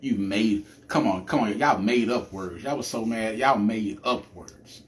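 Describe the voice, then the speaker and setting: A man hosting a live podcast, talking through a chatty, animated monologue with a preacher-like cadence and lots of restarts. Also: lowish voice, unhurried, a little hiss or hum. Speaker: podcast host.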